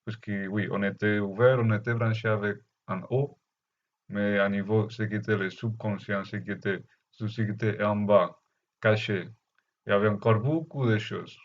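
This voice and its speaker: Halting low-voiced man, foreign Spanish-Catalan accent. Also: steady tone. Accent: Spanish or Catalan accent in French. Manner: halting, searching for words in non-native French. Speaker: spiritual teacher. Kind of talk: unscripted spiritual message to camera. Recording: dull, lo-fi muffled sound.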